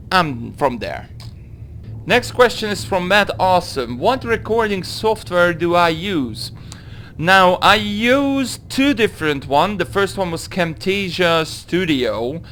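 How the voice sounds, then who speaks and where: A young man from Hungary with a Hungarian accent, answering viewer questions in a casual gaming Q&A, halting through his English with many fillers. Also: fairly high pitch, a bit bright, slight background noise. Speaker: gaming video creator. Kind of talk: casual Q&A monologue.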